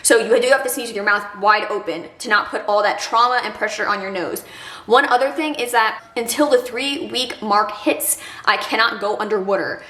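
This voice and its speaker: A woman's voice: on the high side, normal speed, bright, forceful tone, reverberant. Congested chatty young woman vlogger. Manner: chatty, many fillers like "like" and "kinda". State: congested nose. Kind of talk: casual advice vlog.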